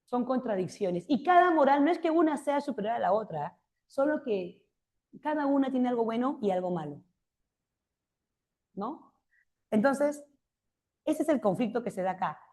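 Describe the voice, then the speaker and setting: A woman's voice: fairly high pitch, lively intonation, moderate pace, pauses often, darkish tone. A woman giving a classroom literature lecture, explaining points and often checking with rhetorical questions. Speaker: literature teacher.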